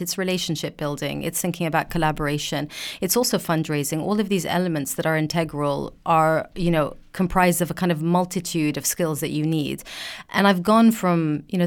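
A woman in her forties with a low, smooth and resonant voice answers interview questions. She speaks in a measured, articulate way and hedges often. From Palestine. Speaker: museum director, guest.

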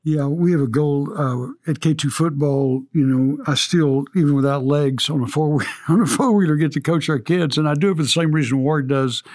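A man's voice: a little high, moderate pace, hardly any pauses, a little mellow, no room sound, clean studio sound. A man who co-hosts a podcast and coaches football, speaking with energy in a coach-like way. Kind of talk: podcast conversation.

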